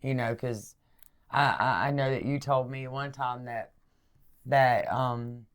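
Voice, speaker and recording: A man with an ordinary mid-range voice hosts a casual podcast interview. He fills the gaps with short agreements and gentle, filler-heavy recaps that keep the guest talking. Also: medium pitch, steady tone, takes it slowly, clear, resonant tone. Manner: sympathetic, prompting with short backchannels. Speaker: podcast host.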